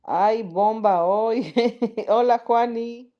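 Speaking very slowly in a fairly high voice, a woman runs a laid-back podcast live stream. She reads comments, chats, laughs a lot and welcomes viewers by name, all over lo-fi sound.

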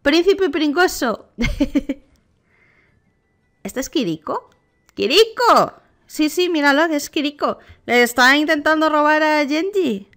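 A woman with a Spain Spanish accent, a gaming youtuber giving casual, excitable reaction commentary. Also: high-pitched, measured pace, long pauses. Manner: excitable, gushing exclamations.

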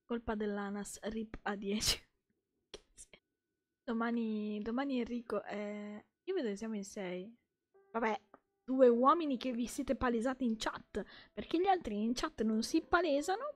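Playful high-voiced Italian woman streamer. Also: expressive, a little slow, faint music behind. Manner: playful, chatty, laughs often, reads game dialogue aloud. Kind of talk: casual live gameplay chat.

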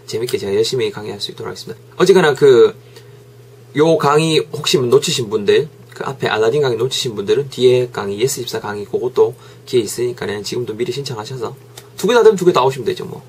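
A man with a Gyeongsang accent teaches in a relaxed, joking way, repeating words over and over to drill pronunciation. His voice is slightly husky. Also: medium pitch, fast talker. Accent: Gyeongsang Korean. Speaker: English teacher. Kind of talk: casual lecture. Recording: podcast lecture audio.

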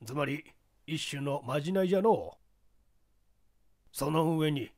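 A man's voice: a little high, lively intonation, measured pace, vocal fry, darkish tone. A man voicing a portly, self-important older police chief who drawls in Kyushu dialect. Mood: boastful.

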